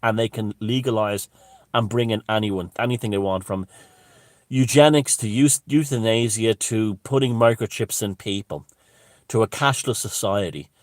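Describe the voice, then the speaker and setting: A man's voice: lowish voice, normal speed, no echo, clean studio sound. An Irish man giving an unscripted, opinionated monologue, speaking emphatically with swearing and broken restarts. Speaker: commentator.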